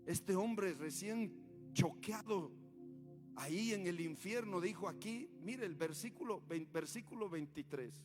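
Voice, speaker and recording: A man's voice: sits high, lively intonation, unhurried, music in the background. A Honduran man preaching as a pastor in a church, with an impassioned, chanting, sing-song cadence. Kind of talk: revival sermon.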